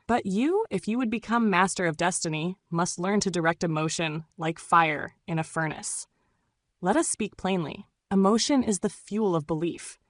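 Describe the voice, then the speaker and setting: Low, commanding woman narrator. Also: a bit bright, no room sound. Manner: emphatic, commanding declarations in short measured phrases. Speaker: audiobook narrator. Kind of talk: scripted self-help audiobook narration.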